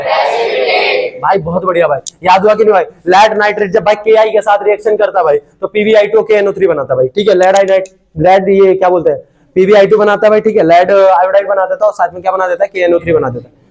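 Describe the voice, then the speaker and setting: A man's voice: sits high, a little mellow. A man teaching a chemistry class to students, casual and joking, constantly asking whether they understood.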